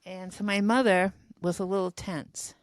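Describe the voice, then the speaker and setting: Older woman, 70s, podcast co-host; chatty, self-mocking storyteller, medium pitch, dry close sound. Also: fairly even intonation, moderate pace, no echo. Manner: rambling, self-deprecating storyteller. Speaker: podcast co-host telling diary stories. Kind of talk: casual storytelling chat.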